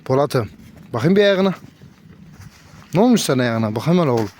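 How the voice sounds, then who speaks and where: A man's voice: mid-range voice, sing-song, a little fast, darkish tone, a little hiss or hum. A man vlogging among his dogs, talking to viewers and cooing fondly at the animals, his voice jumping up when he speaks to them. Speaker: dog breeder vlogger. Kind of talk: casual talk to dogs and viewers.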